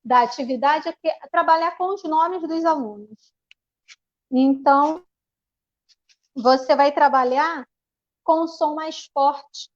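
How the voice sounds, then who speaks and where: A female teacher speaking with a Brazilian Portuguese accent describes a classroom activity during an online panel presentation from home, restarting often and using many fillers. She sits high in pitch, and the recording sounds muffled.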